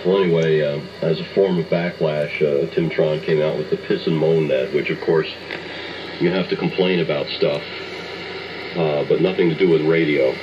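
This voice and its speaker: Heard through crackling AM shortwave static, this bass-voiced American man, middle-aged or older, makes relaxed amateur radio small talk. He keeps a steady tone and normal speed while wandering hesitantly through old memories.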